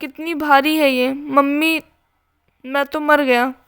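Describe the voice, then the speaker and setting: A woman voicing a bossy, teasing young male police officer in a storybook reading, talking in a gruff, bickering way. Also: high-pitched, level tone, slow, a bit bright, exaggerated voice. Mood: exasperated.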